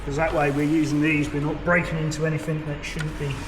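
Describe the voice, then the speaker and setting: A man's voice: on the high side, level tone, fairly quick. Mechanic, man, over workshop noise. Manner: informal, explaining step by step. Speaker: mechanic presenter. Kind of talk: casual hands-on workshop tutorial. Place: vehicle workshop. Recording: noisy workshop background.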